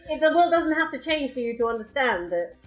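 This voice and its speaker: A woman co-hosting a gaming podcast, speaking with passion and trailing off quietly. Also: high voice, big pitch swings, fairly quick, soft background music. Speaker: podcast co-host. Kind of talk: casual chat.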